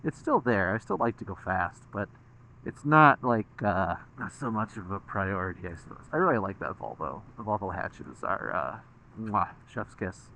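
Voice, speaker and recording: A man's voice: lowish voice, animated, moderate pace, sharp tone, low-quality recording. An American man from the Midwest chats casually while riding a motorcycle, rambling along and swearing freely as a vlogger.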